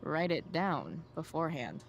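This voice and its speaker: A woman's voice: low-pitched, big pitch swings, a little slow, creaky, a little hiss or hum, exaggerated voice. A woman voicing a sarcastic, guarded teenage punk girl in a video game, with a casual, dry, hesitant drawl. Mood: guarded, awkward.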